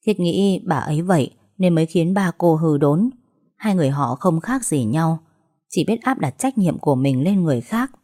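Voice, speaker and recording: A young woman reading a dramatized audiobook story, acting out family quarrels by raising her pitch and volume. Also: mellow.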